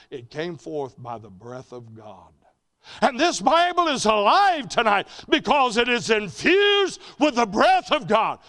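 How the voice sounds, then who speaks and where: Man preaching, sermon delivery, bright forceful tone, swells loud then falls quiet. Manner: builds to loud, emphatic peaks, then drops low and quiet. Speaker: preacher at a mission conference.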